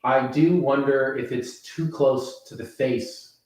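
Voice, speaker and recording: A man's voice: mid-range voice, steady tone, slow, darkish tone. A man, a comedy writer, giving hesitant notes in stop-start phrases as he brainstorms. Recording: distant mic in a very echoey room, faint noise.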